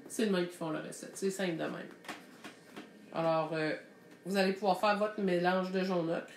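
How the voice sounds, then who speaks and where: A woman's voice: on the low side, steady tone, normal speed, echoey room, slight background noise. Chatty Québécois woman teaching painting. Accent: Québécois French. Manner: thinks aloud while mixing paint, chatty and explanatory. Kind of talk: live online painting lesson.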